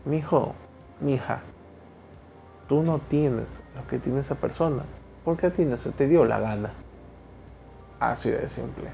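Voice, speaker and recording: A man in his thirties from Ecuador, with an Ecuadorian Spanish accent, hosts a motivational solo podcast, preaching bluntly straight to the listener. His medium-pitched, gravelly voice is unhurried and pauses often. The recording is dull and lo-fi, with faint music.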